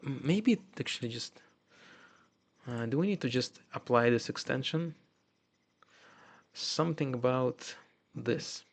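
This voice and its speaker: A man's voice: mid-range voice, expressive. A man with a Russian accent, talking through a live coding session and muttering to himself as he fixes errors. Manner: muttering to himself with halting restarts. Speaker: coding streamer.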